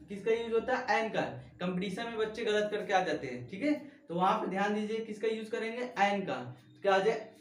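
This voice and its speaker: High-voiced man teaching in an echoey room. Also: distant mic, a little hiss or hum. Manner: asks the class repeated questions, spells words letter by letter. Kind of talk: classroom grammar lesson.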